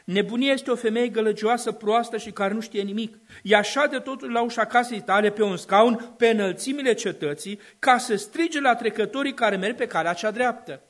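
A man preaching a sermon to a congregation, in an emphatic, repetitive cadence that swells into loud declaiming. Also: extremely high pitch, few pauses. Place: church hall with a congregation of a few dozen.

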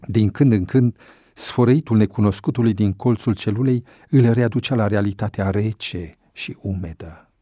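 A man narrating a novel as an audiobook, in a measured, unhurried storytelling manner. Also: on the low side, dark tone, breathy edge, dry recording, studio quality.

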